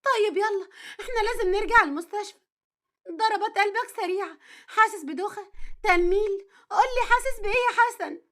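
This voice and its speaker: Woman doing a high, stubborn young egyptian wife, teasing and emotional. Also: quick pace, fairly bright tone. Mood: frantic. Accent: Egyptian Arabic. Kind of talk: storytelling audio drama.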